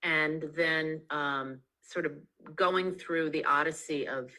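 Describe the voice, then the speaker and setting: A woman's voice: deep voice, slow pace, pushed and bright, poor audio. A woman author being interviewed over a video call, talking in a chatty way with many ums and restarts. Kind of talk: casual interview chat. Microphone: video call mic.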